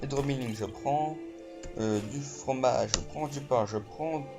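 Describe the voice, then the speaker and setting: An excitable man talking through his game session in loose let's play commentary, swearing often and stumbling over fillers. His voice sits in an ordinary middle pitch, with game music running clearly underneath. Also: unhurried. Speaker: gamer.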